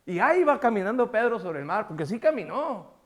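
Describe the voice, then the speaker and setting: A man with a Mexican Spanish accent preaching a sermon as pastor, animated, acting out dialogue with big swings from loud to soft. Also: high-pitched, brisk.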